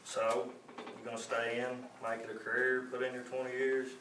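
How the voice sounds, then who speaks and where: A man's voice: medium pitch, completely flat delivery, moderate pace, echoey room, recorded from a distance, background noise, lightly acted. A man playing an easygoing grown son. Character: grown son Lyons, easygoing and smooth-talking. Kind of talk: amateur school play acting.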